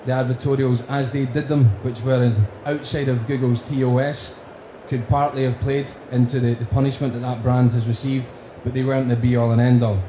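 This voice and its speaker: A man with a broad Scottish accent giving a prepared conference talk, speaking deliberately in emphatic lists. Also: medium pitch, flat delivery. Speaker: conference speaker, company director. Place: indoor conference room. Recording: roomy, echoing venue with faint noise.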